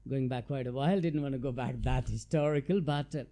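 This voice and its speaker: A guest chartered tax adviser, a middle-aged man from Nepal, responds to interview questions fairly quickly in a dark, medium-pitched voice. He's thoughtful but hesitant, leaning on plenty of fillers.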